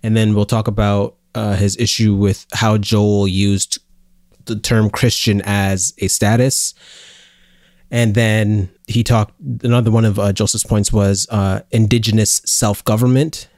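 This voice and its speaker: Low-voiced man co-hosting a podcast. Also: little pitch movement, darkish tone, no room sound, studio quality. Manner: halting, many fillers and restarts. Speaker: podcast co-host. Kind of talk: casual podcast chat.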